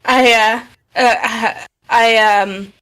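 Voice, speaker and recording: A woman playing a tabletop game, describing her character's actions with halting starts. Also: fairly high pitch, steady tone, sharp tone, slight background noise. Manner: halting, filler-heavy describing. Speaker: player. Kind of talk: casual tabletop play.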